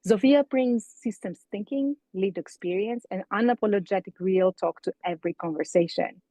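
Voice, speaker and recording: A woman's voice: medium pitch, moderate pace, dark tone, no echo, poor audio. A woman from Greece acting as guest host, reading a formal introduction and asking interview questions. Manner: formal, reads introduction from script. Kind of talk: podcast interview.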